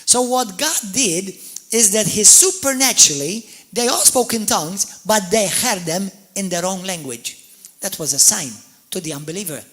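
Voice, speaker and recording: Speaking at a moderate pace in a high voice, this man from Malta delivers a sermon as pastor. He is an animated storyteller who restarts and repeats words while talking straight to his congregation.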